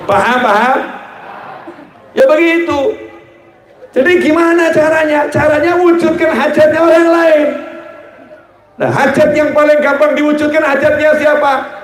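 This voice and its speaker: A man with a high voice delivers a lively sermon in a way, cracking jokes and slipping into short acted exchanges. His voice rings through an echoey hall. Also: measured pace, long pauses, some chatter behind. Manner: joking, acts out dialogue in quoted voices. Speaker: preacher. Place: religious gathering hall.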